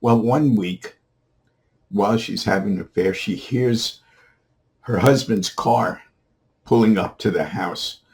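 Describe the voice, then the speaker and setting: A man telling a long joke in a steady storyteller manner. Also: lowish voice, slow pace, pauses often. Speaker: comedian.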